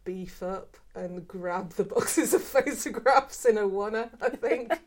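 This English woman in her fifties used to work in archives and now gives an oral history interview, speaking a little slowly at medium pitch. She is hesitant and often repeats words, with a mixed accent that leans southern English.

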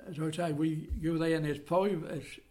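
An elderly man with a broad Suffolk accent, chatting casually in a halting, rambling way with rustic dialect turns of phrase. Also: on the high side, fairly even intonation, dark tone. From Suffolk, England. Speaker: care home resident being interviewed. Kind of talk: casual reminiscing chat.

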